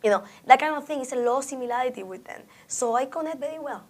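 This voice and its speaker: In an oral history interview, a Dominican woman with a high voice talks quickly about her art in Dominican-accented Spanish. She is reflective and often restarts her sentences.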